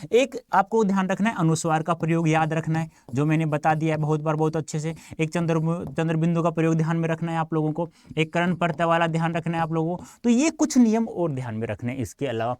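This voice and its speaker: A man's voice: fairly high pitch, smooth, no room sound, clean studio sound. A male teacher giving an online exam-prep lesson, explaining step by step and calling his students dear children. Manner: explains step by step, asks and answers his own questions.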